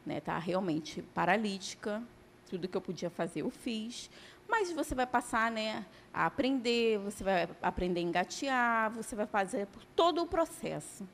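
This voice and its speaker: A woman's voice: medium pitch, animated, moderate pace, a little hiss or hum. A woman giving a church testimony as a sermon, telling her story dramatically and acting out the dialogue.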